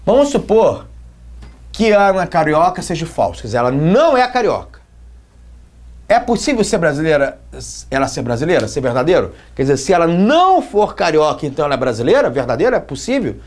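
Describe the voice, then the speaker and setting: A man from Brazil teaching a logic lesson at a whiteboard, checking in with students again and again as he explains. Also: on the high side. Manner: explains with repeated questions to the students.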